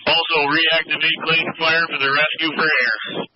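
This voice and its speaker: A man's voice: a little high, little pitch movement, moderate pace, no echo. A man working as a fire officer, giving urgent, clipped, procedural commands and reports over two-way radio. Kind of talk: urgent firefighter radio traffic. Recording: muffled lo-fi handheld radio transmission.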